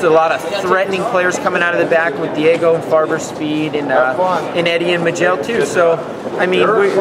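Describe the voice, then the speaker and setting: A young man, a soccer player, giving a casual, confident postgame interview in an indoor arena. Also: sits high. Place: indoor arena after a game. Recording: loud crowd in an arena. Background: crowd noise.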